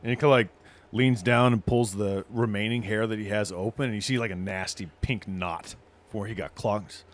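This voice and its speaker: A man's voice: fairly low pitch, steady tone, normal speed. A man working as game master, narrating a tabletop role-playing game in a casual way.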